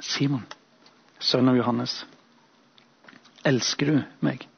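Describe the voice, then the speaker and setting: A man voicing Jesus as a calm, gentle man asking slow, measured questions in a sermon retelling. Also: medium pitch, creaky, slightly rough, lo-fi sound. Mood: searching.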